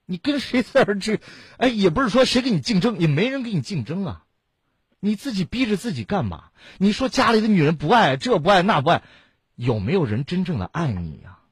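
A man's voice: high voice, sing-song, brisk, breathy edge, dry recording, studio quality. A man hosting a call-in advice show, lecturing a caller bluntly with strings of rhetorical questions. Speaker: radio advice host.

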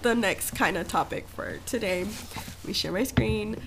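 A young woman co-hosting a podcast, chatting casually, animated and laughing often. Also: mid-range voice, a little slow, creaky, background noise. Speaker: podcast co-host.

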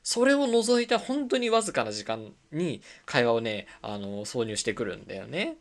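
Lively young woman telling stories on radio. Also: very deep voice, moderate pace. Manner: animated storytelling, acting out quoted lines. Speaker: radio show host. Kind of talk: solo casual talk radio.

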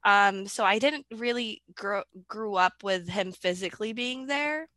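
A woman in her twenties from the Philippines, chatting as a podcast guest over a video call. She hesitates, restarts and fills gaps with "um," with a bright, pressing tone. The sound is dry with no room around it. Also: medium pitch, measured pace, no room sound. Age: 20s. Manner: hesitant, many fillers and restarts, giggly. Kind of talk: casual video-call interview.

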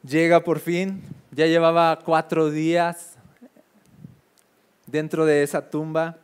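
A man's voice: on the high side, level tone, slow pace, clean tone. A man preaching a casual sermon, chatty with frequent filler tags and emphatic repetition.

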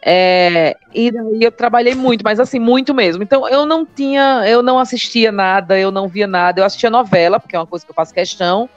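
A comedian guest in her thirties from Maceió, with a Northeastern Brazilian accent from Alagoas, tells her story in a casual interview and repeats words for emphasis. Her slightly high voice moves fast with few pauses. The audio is dull, with faint music behind her.

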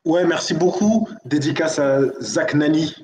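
A man guest on a casual stream, earnestly telling an anecdote and giving shout-outs. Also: on the high side, unhurried, slight background noise. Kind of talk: casual live-stream chat.

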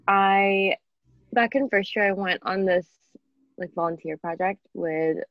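A woman, a podcast guest with a husky just-woken-up voice, laughing and self-mocking. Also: mid-range voice, steady tone, unhurried, no echo, dull audio. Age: 20s. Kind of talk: casual chat.

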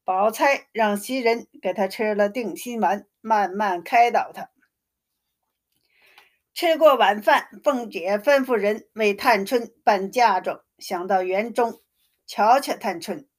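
A woman narrating a classic Chinese novel as a steady, measured storybook reading. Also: medium pitch.

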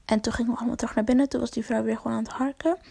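Young woman, casual slangy storyteller; warm, somewhat high voice, dry close sound. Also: fairly even intonation, racing, gravelly, slightly rough, dry recording. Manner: rambling, slangy, swears, many fillers. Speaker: vlogger.

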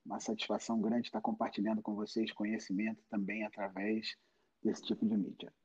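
A Brazilian man giving measured, formal, wordy expert explanations as an interview guest. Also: fairly low pitch, little pitch movement, a little mellow, husky, muffled recording. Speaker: podcast guest, environmental lawyer.

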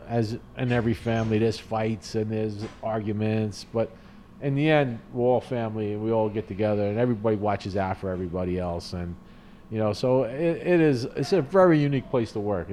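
Man, barber, mellow warm voice, earnest and halting, faint background noise. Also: on the low side. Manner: earnest, halting, many restarts. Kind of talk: casual chat.

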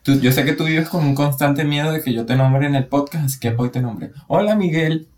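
Animated Venezuelan man chatting on a podcast. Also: medium pitch, fairly quick. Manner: animated and dramatic, acts out quoted voices. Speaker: podcast co-host. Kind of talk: casual chat.

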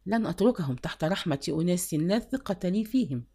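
A woman's voice: fairly low pitch, expressive, brisk, mellow, breathy edge. A woman voicing a weary shopkeeping mother in a read-aloud story, sorrowful but firm.

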